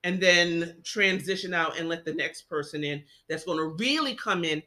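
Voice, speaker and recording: A woman speaks with a bright, clear voice in an easygoing discussion. She works through her thoughts earnestly, restarting phrases and trailing into fillers as she goes. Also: fairly low pitch, normal speed. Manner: earnest, rambling with many restarts. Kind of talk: casual discussion.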